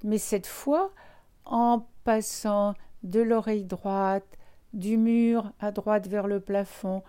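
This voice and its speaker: Female relaxation instructor, warm mellow tone, very unhurried pace, calm step-by-step guidance with room to pause. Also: mid-range voice, smooth. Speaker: instructor of a guided eye-relaxation exercise. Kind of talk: guided relaxation lesson, speaking directly to listeners.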